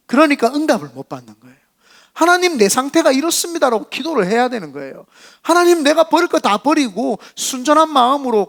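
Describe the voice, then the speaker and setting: Male pastor, high lively voice, chatty sermon with playful asides. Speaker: senior pastor. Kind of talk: Sunday sermon.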